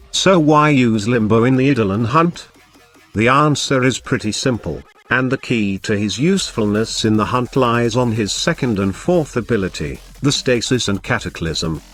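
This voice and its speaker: A man's voice: medium pitch, expressive, measured pace, fairly bright tone. Man explaining a game strategy over music. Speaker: gaming channel host. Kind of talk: scripted game tutorial voice-over. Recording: background music under voice-over.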